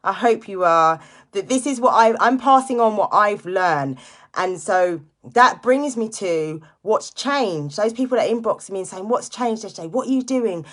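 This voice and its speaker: Speaking at a measured pace with a medium pitch and a fairly bright tone, this expressive late-forties woman hosts a live stream as a direct seller. Her motivational chat is casual and informal, addressed straight to listeners, with key phrases repeated for emphasis.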